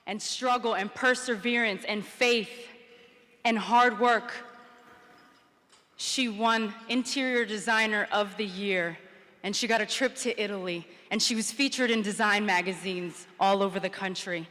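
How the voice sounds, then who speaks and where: Woman, 30s, storytelling keynote speaker, crisp bright voice, reverberant hall. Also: mid-range voice, measured pace. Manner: storytelling, acts out quotes with rising energy. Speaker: public speaker. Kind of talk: motivational conference speech. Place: conference hall, indoors.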